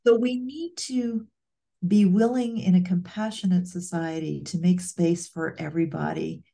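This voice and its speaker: A woman's voice: fairly low pitch, fairly even intonation, moderate pace, gravelly, dark tone. A woman co-hosting a casual heart-to-heart conversation, speaking earnestly and reflectively. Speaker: co-host.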